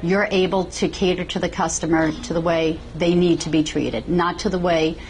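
A woman's voice: fairly low pitch, fairly even intonation, moderate pace, a little mellow, a little hiss or hum, rough recording. A middle-aged woman, a salon suite owner, earnestly explaining her experience in a small salon. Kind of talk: testimonial interview.

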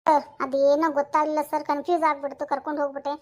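A performer voicing a forgetful, easily frightened father in a comedy cartoon dub, talking in a fussy, excitable way. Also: sits high, racing, close to an everyday voice. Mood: flustered. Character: forgetful cartoon father who fears ghosts.

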